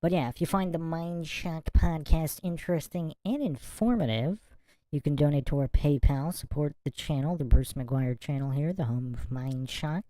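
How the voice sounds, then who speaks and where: A woman with a low, dark-toned voice hosts a livestream exposé. Her delivery is smug and sarcastic as she comments and reads from documents. The sound is dry and close. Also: moderate pace, no room sound, low-quality recording. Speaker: podcast host.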